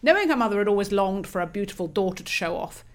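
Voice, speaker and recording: A woman narrating a comic audiobook with brisk, crisp storytelling. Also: mid-range voice, expressive.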